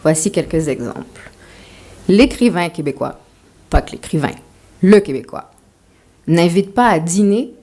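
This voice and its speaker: A woman lecturer with a slightly low voice. She talks in a measured academic way, stopping now and then with small fillers as she builds her points. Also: lively intonation, dark tone.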